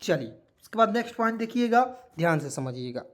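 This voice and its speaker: A man with a high, sing-song voice speaks quickly in a beginner online lesson. He keeps referring to his listeners as friends, spelling words one letter at a time, repeating every point and quizzing them with rhetorical questions.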